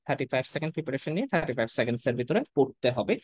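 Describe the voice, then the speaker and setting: A man's voice: mid-range voice, lively intonation, very fast, darkish tone, slightly rough, no room sound. A man with a Bangladeshi accent giving a live exam-prep lesson, explaining patiently and checking in with his students as he goes. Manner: explanatory, checks in with "তাই না?" and "কেমন?", mixes in English words. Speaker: PTE exam teacher. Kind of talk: live class lecture.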